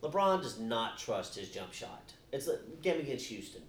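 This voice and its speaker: A man co-hosting a podcast, arguing about sports in a casual, blunt and profane way that turns animated. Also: medium pitch, moderate pace, slight background noise. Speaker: podcast co-host. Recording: echoey room.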